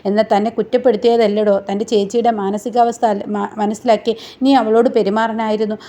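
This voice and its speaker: A woman's voice: medium pitch, level tone, fairly quick, warm tone, natural voice. A woman voicing an angry, reproachful male lawyer. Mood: heated. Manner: reproachful, heated.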